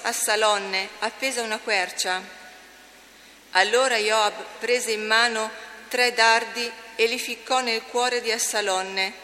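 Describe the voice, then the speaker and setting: A woman reading scripture as lector at mass, slow and measured. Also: a little high, pushed and bright. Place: church. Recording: reverberant church, faint hum.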